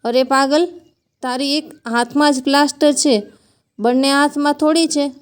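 A woman's voice: high voice, fairly even intonation, moderate pace, lightly acted. A woman voicing a caring older brother who comforts his little sister in a tender, teasing way.

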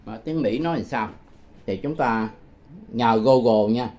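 A man giving a casual spoken language lesson, repeating phrases slowly and patiently and chuckling often. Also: medium pitch, darkish tone. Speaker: English teacher.

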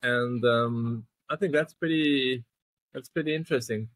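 Male host in his thirties, mid-pitch, dry close sound, halting with frequent ums. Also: no echo, rough recording. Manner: hesitant, many ums and rephrasings. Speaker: podcast host. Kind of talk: video call interview. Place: indoor room with tapestry.

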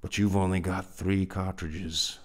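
A man's voice: sits low, level tone, unhurried. A man reading as laconic dry trail partner Henry. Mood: agreeing. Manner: terse folksy drawl, dry understatement. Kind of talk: dramatic reading.

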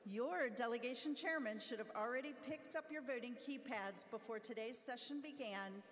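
A middle-aged woman speaks at a podium mic in a large convention hall, upbeat and a little higher-pitched. Her voice rings with long hall reverb, and faint crowd noise sits behind it. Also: normal speed. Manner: upbeat, laughs between instructions. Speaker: convention presenter. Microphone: podium microphone.

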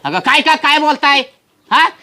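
A woman's voice: sits high, expressive, moderate pace, pushed and bright. A woman playing an angry middle-aged village father who scolds his daughter indignantly. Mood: scolding. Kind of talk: comedy sketch acting.

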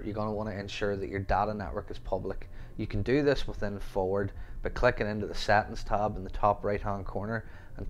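Low-voiced Northern Irish tutorial host. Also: male voice. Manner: step-by-step, repeats "gonna wanna". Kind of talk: screen-recorded tech tutorial narration.

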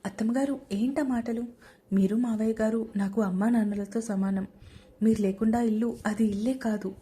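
A woman's voice: on the high side, fairly even intonation, moderate pace, warm tone, natural voice. A woman voicing a meek, polite young newlywed daughter-in-law. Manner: polite and respectful.

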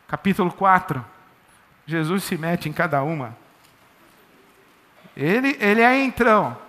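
A man preaching a sermon in a church, lively, conversational and joking. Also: high voice, measured pace. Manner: lively, conversational, jokey storytelling. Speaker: pastor. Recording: echoey church hall.

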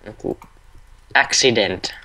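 Bright, swearing gamer co-player. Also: male voice, fairly low pitch, gravelly. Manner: casual, swears often. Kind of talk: casual gaming chat.

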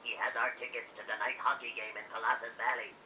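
A man's voice: medium pitch, little pitch movement, fast talker, bright, forceful tone, a little hiss or hum. An actor voicing an earnest little male ice-cabin villager asking for help. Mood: pleading. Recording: distant game audio with crowd.

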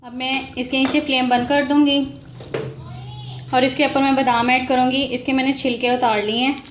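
A woman hosting a cooking channel, calmly narrating a recipe step by step as she cooks in a home kitchen. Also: high voice, normal speed. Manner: calm, methodical, walks through each step. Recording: echoey kitchen with background noise.

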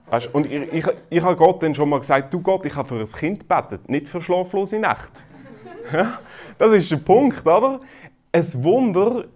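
Swiss german guy preaching in church, chatty, jokes around, keeps checking in with the crowd. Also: mid-range voice. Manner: lively, conversational preaching with frequent "oder?" tags and self-deprecating humor. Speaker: pastor. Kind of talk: sermon.

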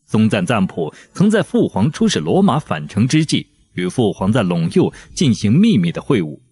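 A man's voice: fairly low pitch, huge pitch swings, slightly rough, heavily acted. A man as a composed, eloquent prince envoy. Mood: firm formal. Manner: forceful, measured formal speech.

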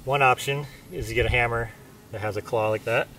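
His mid-range voice is steady, fairly quick, bright and forceful as the gear reviewer tests camping hammers outdoors. He stays plain and matter-of-fact, thinking aloud while working in a pine-wood dirt clearing, heard through distant camera audio with faint noise.

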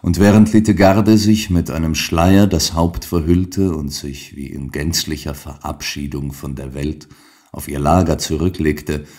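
Solemn male audiobook narrator, low and unhurried. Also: dark tone. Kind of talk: scripted literary narration.

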